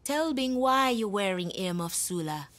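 An actress voicing a gentle, motherly animal parent in a preschool cartoon, talking in an encouraging, lightly amused way. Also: mid-range voice, lively intonation, moderate pace, heavy background noise, natural voice.

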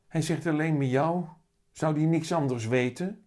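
A man doing a high, excited little boy. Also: measured pace, natural voice. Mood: curious. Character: young boy, shy and eager. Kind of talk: reading a children's book aloud.

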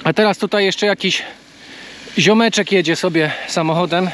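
A high-voiced man chats casually to the camera while cycling a trail outdoors. A faint hum of open air sits under his voice. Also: normal speed. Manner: chatty, coaxing talk to a bird. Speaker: travel vlogger. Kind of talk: casual travel vlog.

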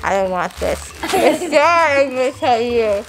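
A woman's voice: high voice, expressive, a little slow, a little hiss or hum. A young woman, loopy and numb-mouthed after having her wisdom teeth out, chatting in a muffled, slurred, childlike and emotional ramble. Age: teens or young adult. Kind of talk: casual chat. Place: indoors on a couch, camera close by. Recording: loud music behind.

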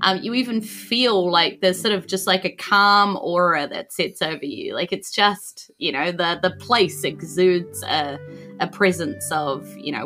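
A woman with a New Zealand accent improvises narration as game master for a tabletop game, speaking informally and conversationally with lots of "you know"s. Her voice is on the low side, bright and pushed.

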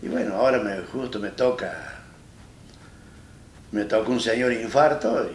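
A man in his fifties with an Argentine Spanish accent and a lowish voice tells his own story as a guest in a studio interview. Seated in an armchair on a small studio set, he speaks plainly and haltingly, retelling with many restarts. The distant mic picks up roomy echo and faint hiss.

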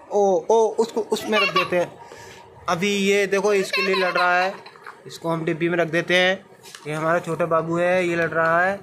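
A man's voice: sits high, pushed and bright, slight background noise. A man filming a home vlog, playfully coaxing a small child in a sing-song voice and laughing as he talks to viewers. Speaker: home video vlogger, the baby's uncle.

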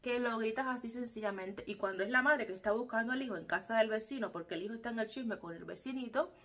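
A woman's voice: fairly high pitch, fast talker, fairly bright tone. A Cuban woman vlogging casually to her viewers, explaining things expressively and acting out quotes. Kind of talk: casual talk to camera.

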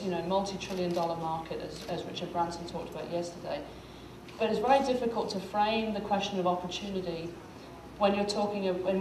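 A middle-aged woman talks thoughtfully on a conference panel, gesturing and often restarting her phrases. Her voice is lower than most women's. She is heard in an echoey hall from a distance, over a noticeable noise floor. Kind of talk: panel discussion remarks. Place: conference stage, indoors. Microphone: lapel mic.

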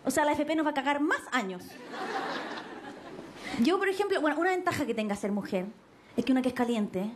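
A young Chilean woman doing a stand-up comedy set on stage, brash and slangy, swinging her pitch for quoted voices. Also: animated, brisk, pauses often. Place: stage before a live audience. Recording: noisy live TV stage with crowd. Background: crowd laughter.

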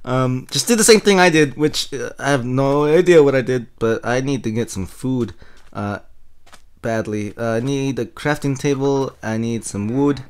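A young man giving casual let's-play commentary over his own gameplay, excitable and quick to laugh. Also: medium pitch, clean tone. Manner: excitable, laughs often, shrieks at surprises. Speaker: gaming channel host.

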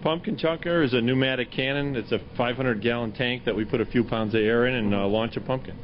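Farm owner guy talking fast, plain and matter-of-fact, outside, dull audio. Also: medium pitch, a little hiss or hum. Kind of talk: live TV interview answers. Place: outdoor farm.

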